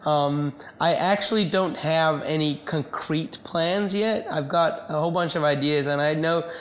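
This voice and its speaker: A man's voice: fairly high pitch, measured pace, a bit bright. A man in his thirties, raised in Sweden, answering interview questions in an office room on a lapel mic, often repeating and restarting words. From Iceland, raised in Sweden. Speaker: QA engineer guest. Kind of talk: casual interview chat. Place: office meeting room indoors.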